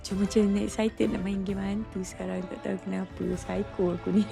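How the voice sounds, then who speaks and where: A woman's voice: mid-range voice, little pitch movement, fast, gravelly. A woman with a Malaysian accent chatting casually and informally on a livestream. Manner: informal, chatty, uses local particles. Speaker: live game streamer. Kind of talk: casual livestream chat, mixing Malay and English. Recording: music behind the voice. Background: music.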